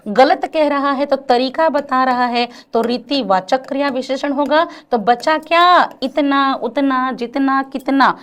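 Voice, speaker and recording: Lady teacher doing exam prep grammar, high voice, keeps asking if it's clear, drags out examples. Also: fairly bright tone. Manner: addresses students as "beta", asks "clear ho gaya?" often; sings or drawls example lines slowly.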